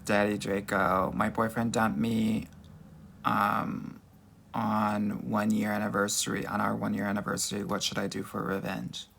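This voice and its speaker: A man's voice: on the low side, little pitch movement, unhurried, gravelly, a bit bright, slight background noise. A man with a Southern California Valley Girl accent, giving casual dating advice on a livestream in a sassy, girlfriend-to-girlfriend manner. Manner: sassy girlfriend-to-girlfriend talk, peppered with "girl" and "honey". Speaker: dating coach and livestream host.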